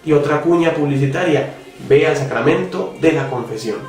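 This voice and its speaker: A man's voice: on the high side, normal speed, a little mellow, recorded from a distance. Earnest preacher man, roomy echo. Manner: earnest, conversational, addresses the listener directly with rhetorical questions. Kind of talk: spoken devotional reflection. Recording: roomy echo, voice from off the mic, faint music.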